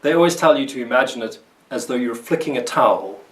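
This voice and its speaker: A man's voice: mid-range voice, fast talker, far from the mic, background noise. A male guitar teacher explains technique in a patient, methodical way and counts along with his demonstrations. His voice sits in the middle range and is heard a little off-mic in a roomy space, with guitar playing behind him. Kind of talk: instructional video lesson. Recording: roomy sound, voice a bit off-mic.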